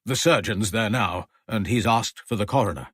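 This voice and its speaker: A man doing a shaken, halting gentleman. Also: fairly low pitch, husky, no room sound, studio quality. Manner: halting, subdued.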